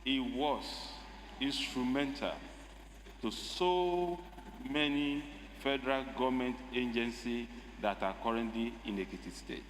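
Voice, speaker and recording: A man with a Nigerian accent addresses a legislative chamber in a measured, emphatic formal style. His voice carries the long echo of a large hall. A faint hum of noise sits behind it. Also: mid-range voice, fairly even intonation, a bit bright. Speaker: state lawmaker. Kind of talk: formal parliamentary speech.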